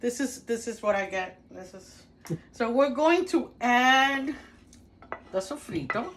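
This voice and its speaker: A woman's voice: fairly high pitch, animated, slow, a bit bright, poor audio. A woman with a Cuban accent giving a casual home cooking demonstration in her kitchen. She talks viewers through each step and jokes with the person filming. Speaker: home cook demonstrating a recipe.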